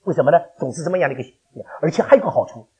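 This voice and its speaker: Very husky older man preaching. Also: fairly high pitch, very fast. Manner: animated, quizzes the congregation with questions, laughs often. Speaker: pastor. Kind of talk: sermon. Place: church.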